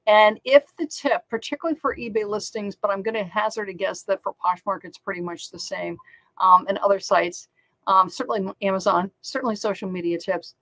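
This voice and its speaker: Upbeat middle-aged lady chatting about selling, lots of ums and repeats, mid pitch, dry sound. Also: fairly quick, a bit bright, no room sound, low-quality recording. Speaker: online selling coach and channel host. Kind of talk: casual talk to camera.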